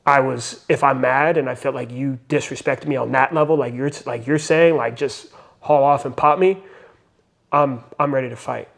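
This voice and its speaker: A man's voice: medium pitch, steady tone, normal speed, vocal fry. A young man and father talking earnestly in a casual podcast conversation, reflecting and using many fillers. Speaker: podcast co-host.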